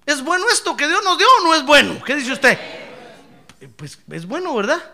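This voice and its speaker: Middle-aged male pastor, animated storyteller, high bright voice, gravelly edge. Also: normal speed. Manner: animated storytelling, addresses listener as brother, swings from hushed to shouting. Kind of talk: sermon with anecdotes.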